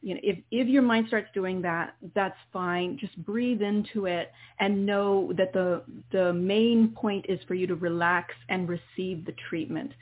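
A woman guiding a meditation session as a healer, speaking in soothing, deliberate phrases with pauses. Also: medium pitch, fairly even intonation. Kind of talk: guided meditation, partly improvised spoken instruction. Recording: muffled, phone-like narrow sound.

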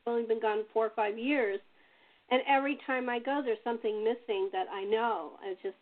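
Brisk and fairly even in intonation, this woman's voice sits on the high side. She's an American host and playwright from Los Angeles leading a laid-back conversation in a rambling, repetitive style, heard through thin, phone-like audio.

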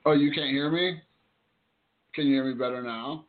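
A man's voice: medium pitch, moderate pace. Man, phone held away, faint and distant, tinny line, rambling, swearing. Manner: loose, rambling, swears often. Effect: faint and distant, phone held away from his mouth. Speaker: podcast co-host. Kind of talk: casual chat on a phone call. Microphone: phone held away from the mouth.

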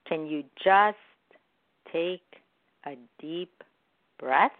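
Woman, encouraging self-help talk, gentle and reflective, tinny phone-like sound, dry. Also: on the low side, extremely slow, dry recording.

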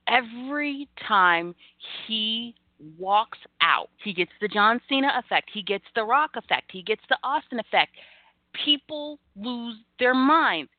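A woman co-hosting a casual wrestling podcast, animated and sassy, acting out fan reactions. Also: a little high, a little slow, dry recording. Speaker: podcast co-host. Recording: thin phone-like line.

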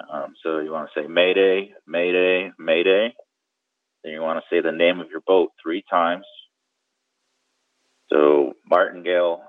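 A deep-voiced man, the guest expert on a boating radio show, explains things step by step in a conversational manner and frequently checks in with the listener. The audio is narrow and tinny, with no room sound.

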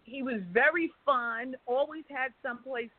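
A woman who founded a company appears as an interview guest, telling stories casually and conversationally over a phone line. Her voice sits high at a normal speed, and the recording is dry and tinny with no room sound.

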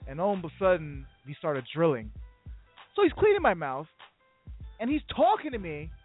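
A man with a fairly high, sing-song voice and a breathy edge hosts a casual sports talk show at normal speed. He tells a rambling story and acts out the dialogue in radio-style chat, with phone-like audio and faint music behind him.

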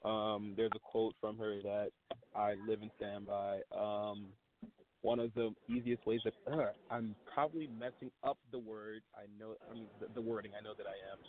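Young man guest, polite and apologetic, slightly low voice, tinny phone line with light static. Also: fairly even intonation, moderate pace. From Louisiana. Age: 20s. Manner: polite, apologetic, restarts often. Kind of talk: radio call-in chat.

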